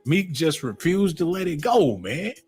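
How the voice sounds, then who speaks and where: A man's voice: a little high, big pitch swings, a little slow, a little mellow, slightly rough, faint music behind. A male host giving mocking, profane comedic commentary on a stream.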